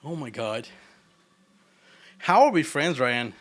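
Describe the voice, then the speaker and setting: A programming livestreamer from Argentina codes while chatting casually with his live chat, teasing viewers and laughing often in his Argentine Spanish accent. His medium-pitched, fairly bright voice moves slowly, with big swings in pitch.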